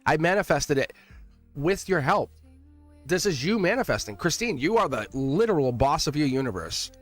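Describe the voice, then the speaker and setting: A man with a Boston accent hosting a casual live tarot reading, chatting to viewers in an excitable, chummy, slangy way. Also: fairly high pitch, moderate pace, faint music behind. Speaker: tarot reader and livestream host.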